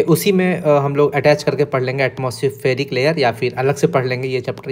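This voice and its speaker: A man teaching an exam-prep lesson, explaining step by step and often pausing to check in with his students. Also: a little high, darkish tone.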